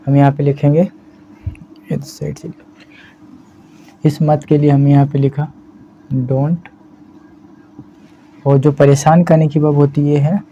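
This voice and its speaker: A man teaching a language lesson at an unhurried pace, in a very dark, mellow voice that stays flat in pitch. He keeps checking in with his students as he explains. The audio is a little dull and lo-fi, with faint hiss behind him. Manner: slow, repeats "है ना" as a steady check-in. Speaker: spoken English teacher.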